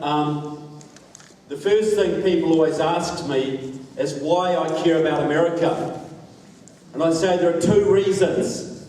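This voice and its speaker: A man's voice: a little high, dark tone. New Zealand man speaking in a hall. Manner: folksy, joking asides to the crowd. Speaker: guest speaker. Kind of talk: political talk to a live audience. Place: large hall. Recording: echoey hall, distant mic, faint noise.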